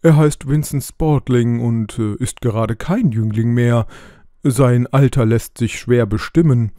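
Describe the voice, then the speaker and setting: A man's voice: mid-range voice, a little slow, mellow, dry recording, clean studio sound, natural voice. A man voicing a plain, hesitant middle-aged shopkeeper in an audiobook, with filler sounds. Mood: telling. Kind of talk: audiobook role reading.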